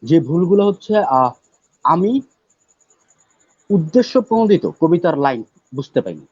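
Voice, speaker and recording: A man speaking as a guest poet on a live talk show, loud and emphatic, repeating words for stress. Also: a little high, very animated, moderate pace, husky, no room sound. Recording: dull, dry lo-fi audio.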